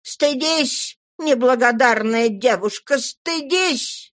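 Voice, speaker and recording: Woman doing a frail old uncle in slow wrath. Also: high-pitched, no echo, studio quality, voice pushed up. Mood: indignant. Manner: slow, solemn, thundering protest. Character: frail old man, fierce in sudden wrath.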